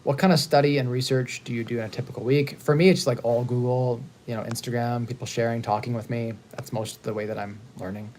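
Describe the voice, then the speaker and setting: A man in his thirties hosting a casual live stream, upbeat and talking in quick bursts with frequent restarts. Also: mid-range voice, steady tone, a little mellow, a little hiss or hum. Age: 30s. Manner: fast-talking, upbeat, repeats and restarts words. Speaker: host. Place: hotel.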